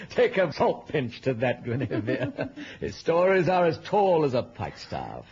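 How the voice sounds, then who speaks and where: An actor in a radio drama playing a genial, noble king with a husky, gravelly voice and a courtly, bantering manner. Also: a little high, wildly swooping pitch, a little slow, a little mellow, a little hiss or hum, heavily acted. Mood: teasing, hearty. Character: genial, noble middle-aged king, hearty and teasing. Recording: muffled old radio recording.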